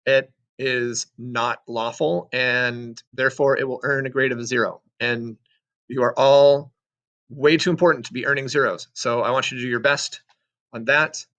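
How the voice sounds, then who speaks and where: A man's voice: mid-range voice, fairly even intonation, normal speed, pushed and bright. Middle-aged guy teacher doing a screen recording for his class, chatty, jokes around, lots of ums. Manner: chatty, joking asides, lots of ums and self-corrections. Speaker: sixth-grade social studies teacher.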